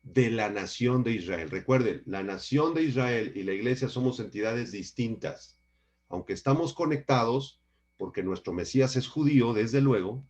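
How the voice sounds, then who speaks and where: A man's voice: medium pitch, animated, normal speed, a little mellow, dull audio. Man, pastor giving a Bible lesson, emphatic, repeats for emphasis. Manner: emphatic, repeats key words, addresses listeners as brothers. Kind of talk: Bible study teaching.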